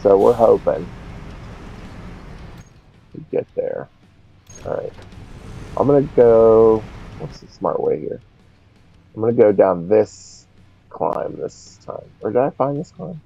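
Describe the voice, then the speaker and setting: A man's voice: lowish voice, sing-song, slow pace, vocal fry, long pauses, husky, soft background music. A man streaming a game live, rambling and talking to himself as he plays. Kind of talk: casual live gameplay commentary. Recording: dull lo-fi stream audio.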